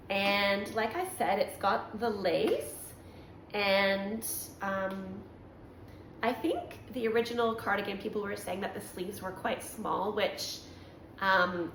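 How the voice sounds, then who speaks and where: A Canadian woman hosts a knitting podcast, chatting casually through show-and-tell, her medium-pitched, slightly bright voice a bit raspy from allergies. She rambles with frequent ums and corrects herself mid-thought. The room is echoey, with a faint hum in the background.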